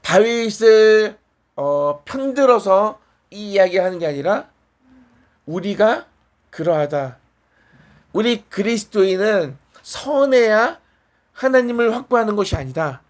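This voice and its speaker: A man's voice: sits high, expressive, slow pace, long pauses. A man preaching a sermon in a small church, conversational and asking the congregation questions and answering back.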